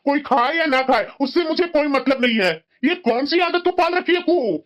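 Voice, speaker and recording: A woman's voice: high-pitched, brisk, dull audio, natural voice. A woman voicing a stern young husband in a cartoon who lectures and scolds his wife. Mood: scolding. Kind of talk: Hindi cartoon voice acting.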